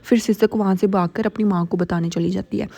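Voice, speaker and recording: A woman retells a drama plot in a casual, chatty way, full of little fillers. Her voice is warm and mellow, at an ordinary pitch. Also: fairly even intonation, fairly quick, creaky. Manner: chatty, frequent fillers and English words. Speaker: drama recap host. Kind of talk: casual storytelling recap.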